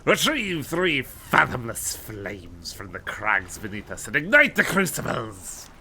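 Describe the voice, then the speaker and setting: A man's voice: mid-range voice, wildly swooping pitch, measured pace, pushed and bright, slight background noise, heavily acted. A man voicing an unhinged, grandiose cult leader villain, reading game dialogue in a strained, theatrical, ominous way. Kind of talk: dramatic read-aloud of game dialogue.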